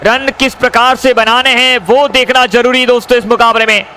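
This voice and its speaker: A man giving excited live cricket commentary, addressing viewers as friends and repeating stock phrases. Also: very high-pitched, normal speed. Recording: crowd and noise behind the voice.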